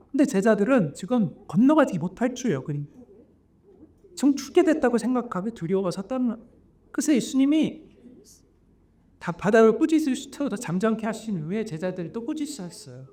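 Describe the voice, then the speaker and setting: A male pastor preaching a sermon, telling stories with animated voices for the quoted lines. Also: sits high.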